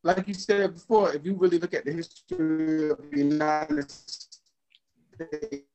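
Guest on a bad call: man, a bit high-voiced, choppy robotic connection, sounds distant, halting casual talk. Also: very animated, vocal fry, warm tone, soft background music. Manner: halting, repeats words, says "you know what I mean" often. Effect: glitchy, choppy, robotic-sounding video call connection. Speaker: guest on a live online talk show. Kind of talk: casual chat.

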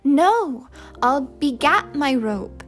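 A woman's voice: high-pitched, big pitch swings, extremely slow, faint music behind, pitched above the performer's own voice, full character voice. Francie, a stubborn little girl, as a woman reads her. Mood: insistent. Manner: indignant, then passionate and shouting. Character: Francie, a lonely, proud, stubborn young girl.

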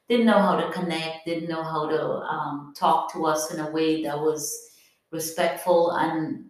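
A woman in her fifties, originally from Guyana, telling her life story as a podcast guest, earnest and reflective, pausing often. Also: sits low. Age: 50s. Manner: earnest, reflective, with many pauses and fillers. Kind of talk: personal storytelling interview. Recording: very echoey, from far off the mic.

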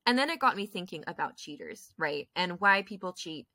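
A woman co-hosting a podcast in casual chat, expressive and opinionated, often correcting herself as she goes. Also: lowish voice, a little fast, dry recording. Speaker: podcast co-host.

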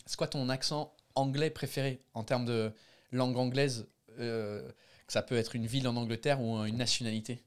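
A man's voice: medium pitch, steady tone, moderate pace, clear, resonant tone. A man hosting a casual chat, curious and joking, repeating phrases back.

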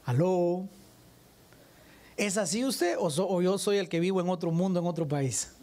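Preacher, male, lively sermon delivery that keeps firing questions at the pews. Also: sits high, moderate pace. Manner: animated, questions the audience directly. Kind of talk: sermon to a congregation.

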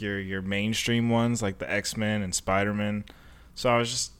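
Young male host, smooth clear voice, relaxed rambling storyteller. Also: fairly low pitch. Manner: easygoing, full of fillers and restarts when telling stories. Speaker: podcast host. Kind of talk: casual chat.

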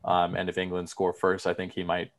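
A man's voice: sits low, monotone, a little fast. A man hosting a sports podcast, laid-back and hesitant, with lots of "uh" and "um". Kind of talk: casual sports chat.

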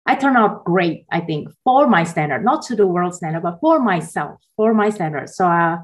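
A woman in her forties from Indonesia, a podcast guest telling her life story in a soft, halting way with small laughs. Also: fairly low pitch, expressive. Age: 40s. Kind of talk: personal story in a podcast interview.

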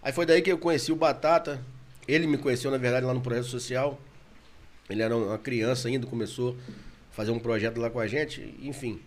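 A man with a Brazilian Portuguese accent telling his story in a casual, animated chat, often laughing as he talks. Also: a little fast. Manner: animated, laughing, gets louder and higher when excited.

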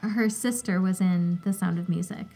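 A woman's voice: on the low side, warm tone, faint music behind. A woman co-hosting a podcast, chatting casually about movies in a playful, giggly way. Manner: playful, giggly, quick to agree. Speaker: podcast co-host.

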